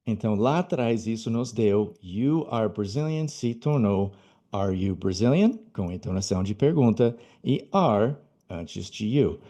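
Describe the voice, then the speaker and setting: A man with a mellow, warm voice explains grammar step by step in a video lesson. He speaks patiently and repeats himself. He slows down deliberately whenever he models an example sentence. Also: mid-range voice. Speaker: English teacher.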